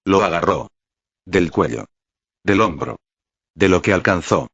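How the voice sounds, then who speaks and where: Hombre de voz muy grave narrando un fanfic. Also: male voice, deep voice, animated, a little slow, a bit bright, husky, dry recording, muffled recording. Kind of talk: narrating a fan fiction.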